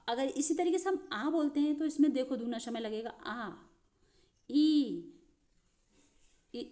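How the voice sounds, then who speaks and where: Woman teacher, warm and mellow, patient step-by-step explainer. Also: sits high. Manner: explains step by step, addresses viewers as friends. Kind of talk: Hindi grammar lesson.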